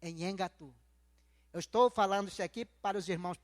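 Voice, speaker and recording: High-voiced man giving slow church testimony. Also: big-room sound. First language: Nheengatu. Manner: slow, heartfelt storytelling with repeated phrases. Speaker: guest speaker giving testimony.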